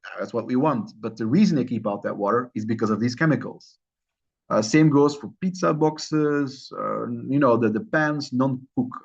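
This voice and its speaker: A young man gives a university lecture in a loose, conversational way, stumbling over words and restarting phrases. His voice sits at an everyday pitch. The recording is a little dull and lo-fi. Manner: loose, halting delivery with fillers and restarts. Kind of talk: academic lecture.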